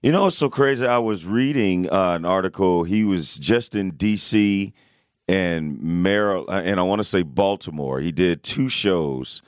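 Easygoing lower-voiced male co-host. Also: measured pace, no room sound, studio quality. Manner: easygoing, laughs along. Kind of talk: casual morning show chat.

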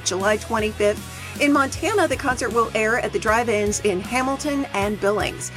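An American woman presents scripted music news on the radio. Her voice sits a little high, with a music bed clearly audible under her.

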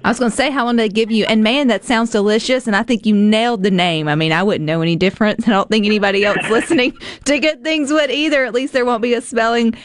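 A woman's voice: on the high side, fast talker, hardly any pauses, no room sound. A woman hosting a casual radio interview in a chatty, encouraging way. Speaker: radio show host.

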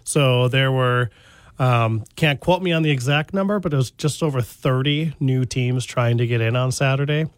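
A man talks casually as an in-studio guest, quick to laugh at himself. His voice sits at a middling pitch. The sound is close and dry. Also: no echo. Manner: chatty, laughs easily, self-deprecating. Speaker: in-studio guest, retail store worker. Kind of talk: casual radio chat. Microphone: studio mic.

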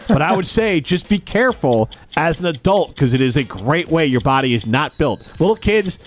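A man's voice: fairly high pitch, sing-song, normal speed. A man in his forties co-hosting a radio show, chatting casually and teasing his co-hosts. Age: 40s. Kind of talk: casual sports radio banter.

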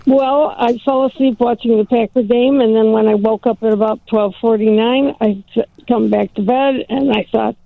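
A woman's voice: a little high, steady tone, moderate pace, creaky, no echo. A retired woman, calling in and rambling in a friendly way. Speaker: caller. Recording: tinny phone line.

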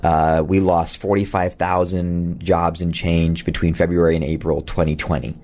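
A radio talk host with a very low, gravelly voice speaks to his listeners in a loose, easygoing way. He fills gaps with ums and uhs and reads out phone numbers as he goes. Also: moderate pace. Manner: relaxed, many fillers, reads out numbers.

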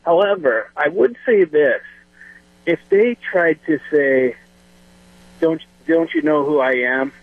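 A man's voice: a little high, expressive, slow, no echo. A man calling in to a radio show over the phone, speaking casually and hesitantly, with frequent ums and restarts. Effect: phone line on a radio call-in show. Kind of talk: casual call-in opinion. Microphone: telephone. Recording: tinny phone-line call audio.

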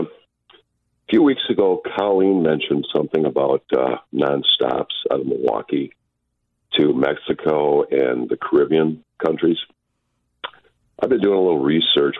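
A man's voice: a bass voice, normal speed, no echo. A male caller phoning in to a radio show over the phone, asking the hosts a question in a polite, slightly hesitant way. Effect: heard over the phone. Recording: tinny phone line.

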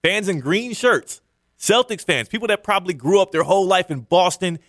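A man's voice: high voice, animated, moderate pace, fairly bright tone, dry recording. A man co-hosting a sports talk radio show, talking emphatically with playful trash talk in a radio studio.

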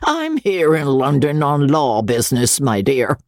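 A man's voice: medium pitch, wildly swooping pitch, a little slow, no echo, studio quality. A man voicing a coarse, boastful old baronet who loves lawsuits, blustering with a vulgar edge.

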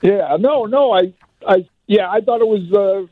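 A man's voice: sits high, measured pace, no echo, phone-quality sound. A man calling in to play a radio quiz, chatting casually. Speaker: caller playing a radio quiz. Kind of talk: casual phone-in chat.

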